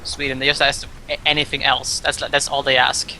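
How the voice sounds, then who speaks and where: A man's voice: monotone, fairly quick, gravelly, sharp tone, poor audio. A man chatting casually as a tabletop game player, stammering and repeating his words. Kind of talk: casual chat. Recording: faint background rumble and noise.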